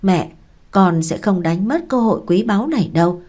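A woman's voice: mid-range voice, animated, normal speed, mellow, lightly acted. A woman reading the part of a contrite, determined young daughter-in-law. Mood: earnest. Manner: earnest, pleading.

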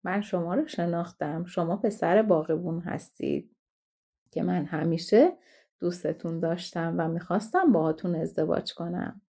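A woman reading the part of a young princess in a fairy tale, soft and tender. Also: on the low side, creaky, breathy edge. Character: gentle young princess, loving.

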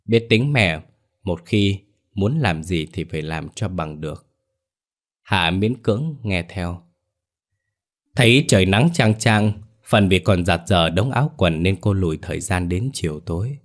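Deep-voiced man narrating a ghost story. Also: animated, a little slow.

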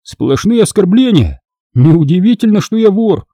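A wisecracking young thief, cheeky and boastful, as a male narrator puts him on in a raised, husky voice with lively swings in pitch. The audiobook sound is dry and close. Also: normal speed, no echo, exaggerated voice. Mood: cocky.

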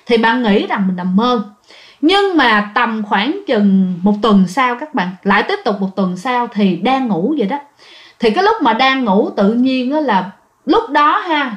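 A woman's voice: a little high, dull audio. A woman telling a ghost story in a chatty, casual way to her listeners. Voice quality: lively, chatty, drawn-out southern fillers.

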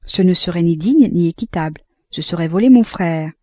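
A woman reading an audiobook voices a troubled young man, earnest and measured as he reasons with himself. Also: fairly low pitch, animated, warm tone, no echo. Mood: brooding. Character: troubled young man weighing his conscience.

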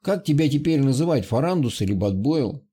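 A man's voice: mid-range voice, animated, brisk, dark tone, husky. A man voicing an anxious, questioning young hero in an audiobook, raising his voice with urgency. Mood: wary.

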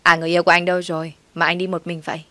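A sharp-tongued younger sister in a spoken story, blunt and sarcastic, read by a woman. Her voice sits low and sounds close and dry. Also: level tone, rapid-fire, no echo.

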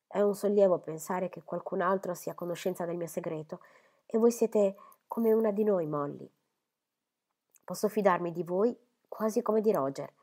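A woman reading a quiet, ailing young man. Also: fairly low pitch. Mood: confiding. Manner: quiet, slow, subdued. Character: pale, ailing young man confiding a secret.

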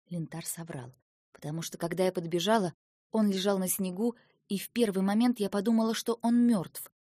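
Expressive woman reading an audiobook. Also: lowish voice, slightly rough, no room sound, clean studio sound. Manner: expressive storytelling. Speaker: audiobook reader. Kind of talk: scripted first-person narration.

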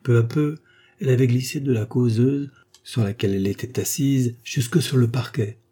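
A man narrating a classic novel as an audiobook in a measured, dramatic delivery. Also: mid-range voice, dark tone, slightly rough.

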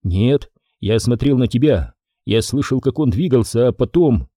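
A man reading an audiobook, voicing a calm, evasive young man who speaks slowly and hesitantly. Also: medium pitch, dry recording, studio quality, close to an everyday voice. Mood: urgent. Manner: slow, hesitant.

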